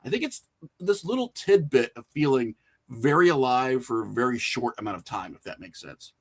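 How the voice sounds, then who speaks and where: Appearing on a podcast, this middle-aged horror filmmaker and writer, who hails from a small rural town, speaks in an animated, mid-range voice at a moderate pace. His manner is relaxed and reflective, full of informal anecdotes and a little chuckling.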